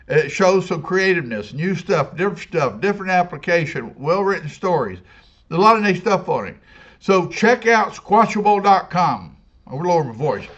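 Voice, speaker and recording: A man's voice: high voice, a bit bright. A man hosting his own paranormal channel, talking casually to camera in a rambling, stop-and-start way with many fillers and repeats and a friendly, recommending tone. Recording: dull lo-fi recording.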